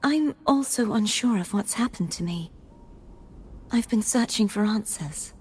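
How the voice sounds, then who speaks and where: An actress voicing a youthful holy maiden in video game dialogue, speaking softly, earnestly and formally. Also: female voice, mid-range voice, lively intonation, unhurried, a little hiss or hum, natural voice.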